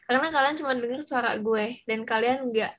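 A teenage young woman with a soft, non-rolled R, chatting casually and informally as a podcast co-host. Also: a little high, brisk. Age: teens. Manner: chatty, informal, slang with English mixed in.

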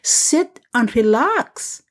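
A woman's voice: on the high side, big pitch swings, very slow, voice pushed up, exaggerated voice. A woman voicing a joyful young village mother who speaks in a sing-song tone to her daughter.

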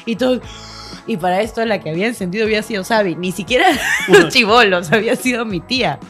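A woman's voice: mid-range voice, expressive, fast talker, fairly bright tone, faint music behind. Laughing Peruvian woman telling stories. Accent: Peruvian Spanish. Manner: laughing often, acting out every voice in her story. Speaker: storyteller among friends. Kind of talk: casual storytelling.

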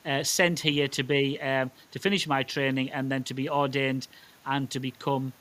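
A middle-aged Methodist minister from South County Durham in northeast England answers interview questions in an informal, chatty and somewhat hesitant way, with a County Durham accent. His mid-range voice is fairly bright, with little pitch movement and a moderate pace.

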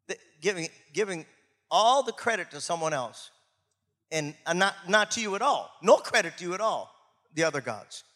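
A man's voice: high-pitched, lively intonation, normal speed, pushed and bright, in a large hall. A man preaching a sermon as pastor, emphatic and repeating words to drive points home.

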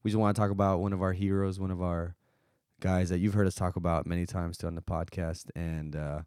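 A man's voice: low-pitched, flat delivery, fairly quick, darkish tone, clear, resonant tone, no echo, studio quality. A man hosting a podcast, talking earnestly and emotionally about faith and loss in a casual chat. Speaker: podcast host.

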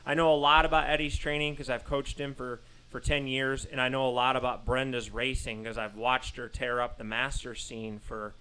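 Thirty-something southern us guy hosting a running podcast, clear smooth voice, middle pitch. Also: bright, forceful tone, rough recording. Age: 30s. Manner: reads a long list of race results, then chats with fillers. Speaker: podcast host and running coach. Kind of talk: podcast chat with a scripted intro. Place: studio.

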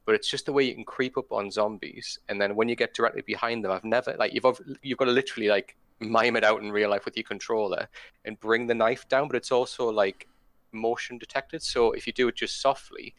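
A man's voice: fairly low pitch, steady tone, fairly quick, a bit bright, no echo. A man chatting casually and enthusiastically about video games, rambling with lots of fillers.

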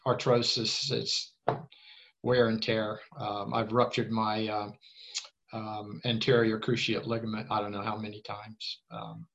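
An older man, appearing as an interview guest, talks frankly and casually, rambling and often repeating words as he restarts sentences. His voice is lowish, gravelly, fairly bright, and unhurried, and the recording sounds slightly dull and lo-fi.

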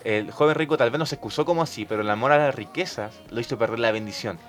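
A man's voice: medium pitch, quick pace, faint music behind. Man retelling Bible stories. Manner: conversational, retelling Bible passages with restarts. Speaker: podcast co-host.

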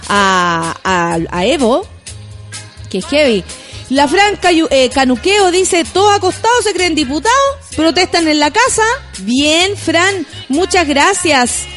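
Chatty high-voiced Chilean woman radio host. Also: animated, takes it slowly, fairly bright tone, faint music behind. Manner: chatty, playful, laughs often. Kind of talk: casual radio chat reading listener messages.

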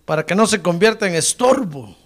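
A male pastor delivering a sermon in a high voice that leaps up and down constantly. He swells into emphatic bursts, then drops almost to a murmur, calling out to his brothers in the pews. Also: animated, a little fast. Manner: preaching with sudden surges and drops in pitch and volume; repeatedly addresses listeners as brother.

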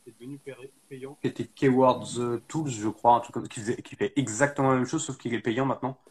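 A man's voice: mid-range voice, steady tone, a little fast. A man talking casually as an interview guest, explaining things step by step with many hesitations. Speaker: SEO guest.

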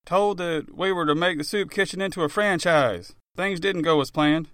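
A male narrator playing a rattled thug explaining a botched job, pitched up, pushed and hurried in a dry audiobook read. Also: fairly bright tone, no echo, close to an everyday voice. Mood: defensive. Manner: defensive, hurried. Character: nervous male henchman explaining a failure.

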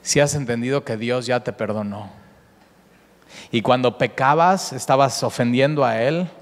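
A man preaching a sermon with animated delivery, often repeating words and rising in pitch for emphasis. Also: normal speed. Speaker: pastor. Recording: echoey hall with long reverb.

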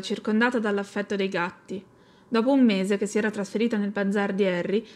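A woman narrates a children's novel in a steady, expressive audiobook reading. Her voice sits at an ordinary pitch, clear and even.

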